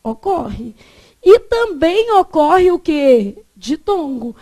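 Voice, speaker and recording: A Brazilian woman teaching grammar to a classroom, her voice sitting high. She keeps quizzing the students, stopping often to check that they follow before moving on. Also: sing-song, slow, dark tone. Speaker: Portuguese teacher.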